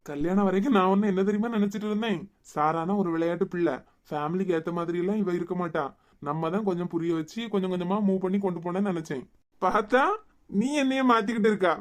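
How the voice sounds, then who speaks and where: Woman voicing a quick-talking young cartoon husband with a Kanyakumari accent. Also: medium pitch, lightly acted. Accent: Kanyakumari Tamil. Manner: fast, chatty and coaxing. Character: young husband, patient, teasing. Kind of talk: cartoon web series dialogue.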